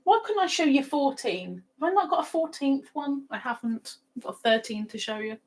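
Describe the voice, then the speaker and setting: At a moderate pace, a woman hosting a relaxed livestream talks in an animated, high-pitched voice. Between playful chat and sing-song asides, she reads notices and adverts from viewers.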